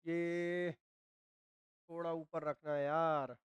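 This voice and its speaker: Coughing Hindi teacher with a dry throat. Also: male voice, fairly high pitch, level tone, drawn-out words, clear, resonant tone, dry recording. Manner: asks students questions and answers them himself; repeats points, often says "ठीक है ना". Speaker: chemistry teacher. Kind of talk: classroom lecture at a whiteboard.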